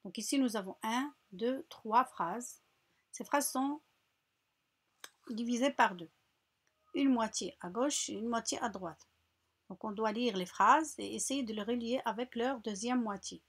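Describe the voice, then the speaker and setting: Woman, teacher, husky, fairly high voice, patient, slow, repeats syllables, classroom walkthrough. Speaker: primary school teacher. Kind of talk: recorded lesson walkthrough.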